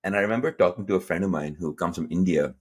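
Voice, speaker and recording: Male guest, late 30s, from Pakistan, deep husky voice, animated storyteller. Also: fast talker. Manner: animated, acts out quoted dialogue with jumps in pitch. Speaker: guest entrepreneur. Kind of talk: conversational interview storytelling.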